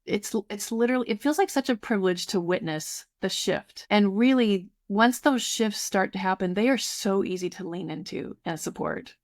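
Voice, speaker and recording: Effusive woman in her fifties, gravelly edge. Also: medium pitch, moderate pace, few pauses, no echo, studio quality. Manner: warm, effusive, restarts sentences. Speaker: tutoring program founder. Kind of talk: casual podcast conversation.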